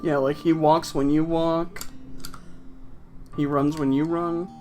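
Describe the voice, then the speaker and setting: A man's voice: fairly high pitch, flat delivery, slow, a little mellow. Guy doing let's play commentary, dry sarcastic asides, faint music under it. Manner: wry, offhand, sarcastic asides. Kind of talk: casual gameplay commentary.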